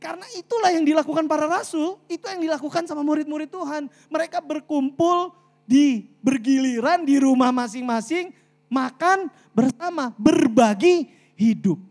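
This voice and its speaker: A woman giving a lively faith talk to a community gathering, talking fast, pleading with listeners, telling stories and slipping into English phrases. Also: high-pitched. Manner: pleading and storytelling. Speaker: community speaker. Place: meeting hall.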